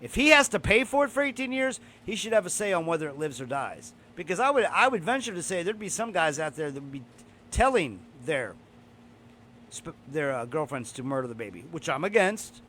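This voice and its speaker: A man's voice: a little high, very animated, fairly quick, pushed and bright, slight background noise. A man hosting a casual podcast, talking in a blunt, profane, opinionated way. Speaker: podcast host.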